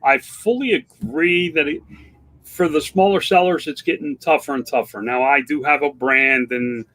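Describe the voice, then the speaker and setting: A man in his fifties talks candidly and loosely, like someone hosting a casual livestream. His voice sits a touch higher than most men's, and he stumbles through restarts and fillers as he answers comments. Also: normal speed, pushed and bright. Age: 50s. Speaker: online seller and livestream host. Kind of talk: casual livestream chat reading viewer comments.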